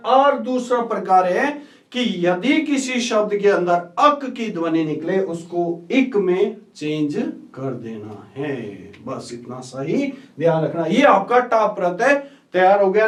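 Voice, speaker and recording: A man's voice: sits high, reverberant, distant mic. A man teaching an online grammar lesson. He asks his students questions and answers them himself, repeating each answer. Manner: repeats key answers, quizzes students as "बेटा".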